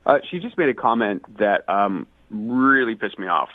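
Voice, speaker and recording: A man's voice: on the low side, animated, normal speed, dry recording. A man calling in to a radio show, indignant and increasingly worked up as he tells his story. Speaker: caller. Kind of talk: phone call on a radio show. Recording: tinny phone line.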